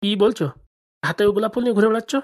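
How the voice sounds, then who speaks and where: A woman's voice: fairly high pitch, rapid-fire, a little mellow. A woman voicing an elder in a cartoon comedy, with a fretful, scolding manner. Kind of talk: cartoon voice acting.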